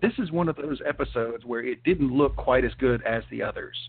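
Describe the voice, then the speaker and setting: A man's voice: mid-range voice, fairly quick, gravelly, a little hiss or hum. A man co-hosting a casual chat show, talking with many fillers and restarts. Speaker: podcast co-host. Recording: tinny phone-like sound.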